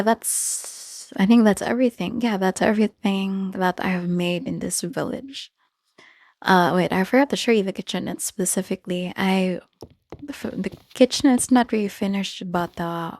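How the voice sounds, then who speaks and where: Showing off her own Minecraft village, a woman offers relaxed, off-the-cuff tour commentary, hesitating and often groping for the right word. Her voice is fairly low. The recording is dry and clean, with a studio sound.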